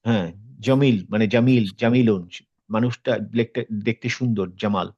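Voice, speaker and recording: A man's voice: medium pitch, fairly even intonation, fairly quick, darkish tone, no room sound, dull audio. A man teaching a Quran tajweed class online. He explains patiently, drops English words into his talk and stops to check that students follow.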